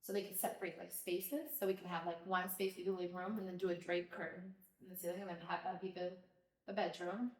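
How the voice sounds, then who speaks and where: Recorded in a roomy space, far from the mic, an Albanian woman who co-hosts a podcast with her child talks fast in a fairly low voice with a flat delivery. In this casual personal conversation, she looks back on her childhood in a relaxed way, using lots of fillers.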